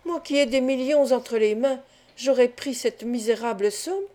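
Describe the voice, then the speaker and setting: Woman narrator as an accused man, indignant, desperate protests, mellow voice, storybook. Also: fairly high pitch, unhurried, close to an everyday voice.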